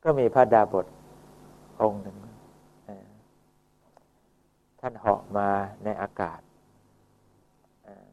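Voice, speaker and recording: A man's voice: lowish voice, steady tone, slow, long pauses, slight background noise. Man telling a teaching tale. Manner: explains with many fillers, stretches words. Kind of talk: sermon storytelling. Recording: dull lo-fi recording.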